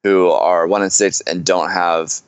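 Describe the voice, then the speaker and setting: Low voiced guy on a podcast, smooth and clear, measured, lots of "you know", dry sound. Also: fairly even intonation, no echo. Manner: measured and explanatory, with frequent "you know" fillers. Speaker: fantasy football podcast co-host. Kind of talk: casual podcast chat.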